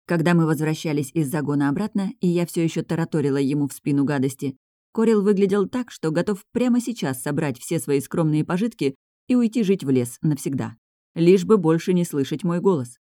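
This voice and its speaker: A woman reading a first-person audiobook in a lively, sardonic storytelling manner, close to the mic. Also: low-pitched, brisk, no room sound. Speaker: audiobook reader.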